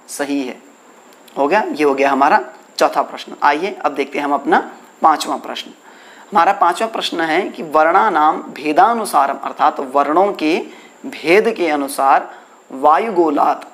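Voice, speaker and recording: A man teaching a Sanskrit lesson in Hindi, asking his students questions and answering them himself, drawing out the letters slowly. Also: fairly high pitch. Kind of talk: classroom lesson explaining exercises.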